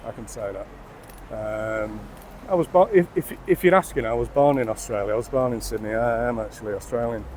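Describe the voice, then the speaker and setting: Tipsy from beer, a Mancunian man in his forties from England vlogs a pub crawl on a handheld phone, chatting and swearing freely as he walks. It's a casual walking vlog outdoors on city streets and at a busy rooftop bar. His mid-range voice is a little fast and a little mellow, with slight background noise.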